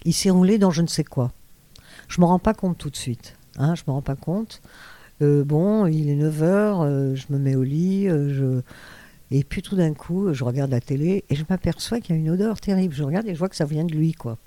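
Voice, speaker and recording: Older lady rambling thru her old stories, soft mellow voice, lots of umms, dry room. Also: low voice, normal speed, no echo. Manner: rambling, hesitant, many fillers and restarts. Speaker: interviewee, former radio host. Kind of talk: anecdotal storytelling.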